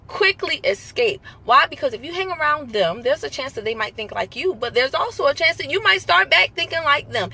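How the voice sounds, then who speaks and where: Southern lady hyping up her live stream viewers, high bright voice, keeps repeating herself for emphasis. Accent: Southern American. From American South. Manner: emphatic, repeats herself, plays out little phone calls. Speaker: motivational live-stream host. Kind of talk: casual live-stream pep talk.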